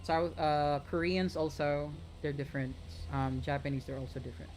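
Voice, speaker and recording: A streamer from the Philippines talks casually to a live chat at a middle pitch. The delivery rambles, doubles back on itself and addresses viewers directly, with a faint noise underneath. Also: fairly even intonation, normal speed, darkish tone. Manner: chatty, rambling with many restarts, talks straight to viewers. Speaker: gaming streamer.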